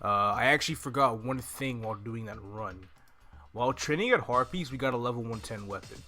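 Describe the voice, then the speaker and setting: This gaming host is a young man with a mid-range voice, lively in intonation, brisk, and pushed and bright in tone. He speaks into a desk mic near his mouth, musing casually through an easygoing walkthrough while game music plays.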